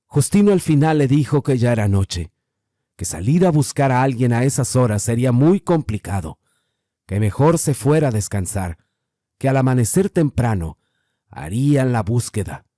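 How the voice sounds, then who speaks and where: A man giving scripted horror narration in a measured, ominous way. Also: medium pitch, animated, mellow, dry recording, studio quality.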